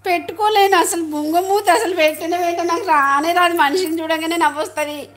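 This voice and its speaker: A woman's voice: very high voice, fairly even intonation, fairly quick, a bit bright. A middle-aged woman, chatting casually on a live stream, laughing often and greeting viewers.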